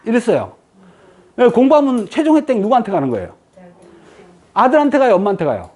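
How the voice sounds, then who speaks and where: A woman's voice: on the high side, quick pace. A woman giving a lecture, asking the audience frequent questions and answering them herself. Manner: lively rhetorical questions to the audience.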